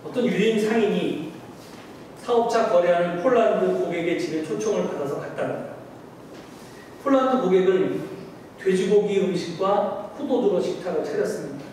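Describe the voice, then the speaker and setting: A man's voice: high-pitched, lively intonation, moderate pace, a little mellow, slight background noise. A male pastor preaching a Sunday sermon in a church, with a conversational, storytelling way of preaching. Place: church sanctuary. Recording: echoey hall, distant mic.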